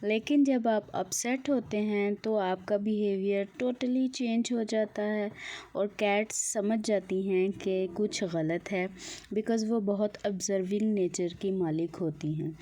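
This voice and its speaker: A woman calmly explaining pet behavior in a voice-over, mixing English words into her speech. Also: medium pitch. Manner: calm explaining, mixes English words into Urdu. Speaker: pet video host.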